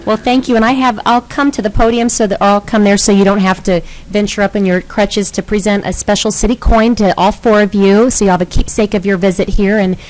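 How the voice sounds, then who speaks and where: A middle-aged woman chairing a city council meeting, speaking in a gracious, measured, welcoming way. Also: medium pitch, fairly even intonation, a little mellow, poor audio.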